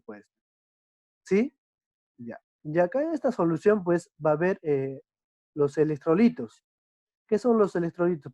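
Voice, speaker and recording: A male chemistry teacher explaining a lesson patiently, often checking understanding with quick tag questions. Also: on the high side, darkish tone, dry recording. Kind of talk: online class explanation. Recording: dull dry lo-fi recording.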